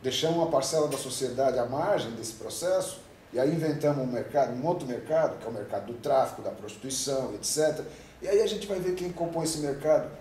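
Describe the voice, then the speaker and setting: A man's voice: mid-range voice, lively intonation, fast, mellow. A Brazilian man in his fifties, a union president answering interview questions at length, emphatic and rambling, full of rhetorical questions. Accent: Brazilian Portuguese. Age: 50s. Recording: echoey room, distant mic, faint noise.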